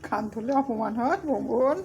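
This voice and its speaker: A woman's voice: fairly high pitch, fairly quick, vocal fry, warm tone, dull audio. A woman talking to her pet in a coaxing, teasing, scolding way. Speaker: pet owner. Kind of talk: casual talk to a pet. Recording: noisy background hiss.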